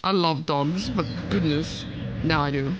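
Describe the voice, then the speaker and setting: A woman's voice: low voice, unhurried, dull audio, noisy background. A woman doing live reaction commentary as a cute anime-style streamer, gushing and exclamatory, often drawing out her words. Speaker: streamer reacting to pet videos. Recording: music behind the voice.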